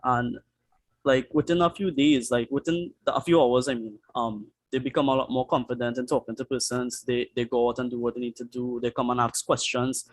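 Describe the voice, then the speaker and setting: A man's voice: mid-range voice, level tone, brisk, dry recording. Chatty Trinidadian man, dry close sound. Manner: casual, chatty, repeats himself. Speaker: panelist. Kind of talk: online panel discussion.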